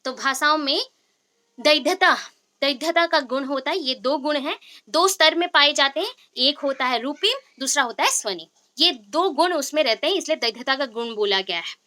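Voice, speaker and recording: Bright high-voiced woman teaching a lesson. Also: expressive, normal speed. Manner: explains step by step, quizzes students with repeated questions. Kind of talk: classroom lecture.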